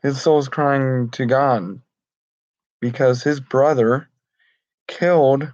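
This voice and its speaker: A man reading and explaining Bible verses in an informal, halting way with many fillers and restarts. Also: medium pitch, fairly even intonation, a little mellow, no echo. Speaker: Bible study teacher. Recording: dull lo-fi home recording.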